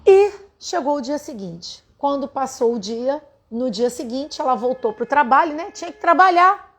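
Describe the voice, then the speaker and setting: A Brazilian woman with a somewhat high voice tells a story in earnest. She speaks with a Brazilian Portuguese accent and talks directly to her listeners, as a spiritual teacher would. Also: animated, normal speed, fairly bright tone. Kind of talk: storytelling to an audience.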